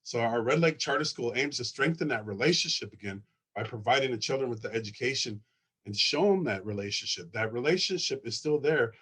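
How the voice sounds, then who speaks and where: A man presenting his school at a conference, earnest and excited, often repeating words as he talks through his slides. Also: mid-range voice, a little fast, slightly rough. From Ojibwe, from Minnesota.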